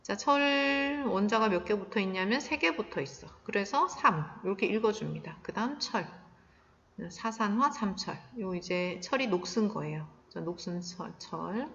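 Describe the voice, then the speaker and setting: A woman's voice: mid-range voice, lively intonation, normal speed, fairly bright tone, a little hiss or hum. A woman science teacher giving a recorded lesson, explaining step by step with many filler sounds. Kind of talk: recorded classroom lecture. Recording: dull, echoey sound with long reverb.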